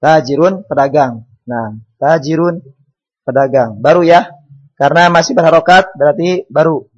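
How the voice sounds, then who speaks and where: A man's voice: fairly high pitch, moderate pace, muffled recording. A man teaching an Arabic class, calling on students to read and patiently repeating words and their meanings.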